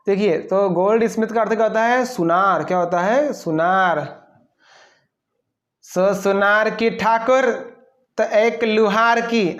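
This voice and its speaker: A male English teacher giving a class lesson. He poses each question and answers it himself, with playful asides between the words. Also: sits high. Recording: dull lo-fi recording.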